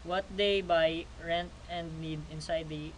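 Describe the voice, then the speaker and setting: Slowly and with fairly even intonation, a twenty-two-year-old man from the Philippines reads his class project presentation in a fairly high-pitched voice. He sounds stiff and keeps repeating phrases; background noise is noticeable.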